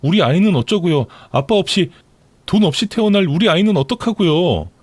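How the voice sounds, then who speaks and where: A man's voice: sing-song, fairly quick, a little mellow, no room sound. A man voicing a desperate pregnant young woman. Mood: desperate pleading. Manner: begging, whiny and shrill. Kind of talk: storytelling radio drama.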